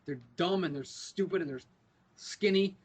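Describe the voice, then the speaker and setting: A man's voice: high-pitched, moderate pace, a little mellow. A young man co-hosting a podcast, chatting casually and ranting with a lot of profanity. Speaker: podcast co-host. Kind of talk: casual chat.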